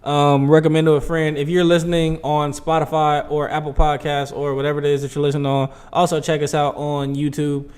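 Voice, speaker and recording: A man's voice: a little high, level tone, brisk, few pauses, a little mellow, clean tone. A man co-hosting a casual podcast with friends. He speaks in a slightly raised register and keeps things blunt and laid-back. He jokes around while steering the talk and the sign-off. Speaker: podcast co-host. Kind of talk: casual chat.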